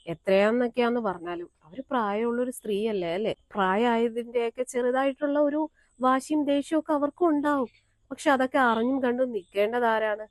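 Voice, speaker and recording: A woman's voice: mid-range voice, no echo. A woman vlogger giving indignant reaction commentary, talking straight to her viewers. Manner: indignant, addresses viewers directly.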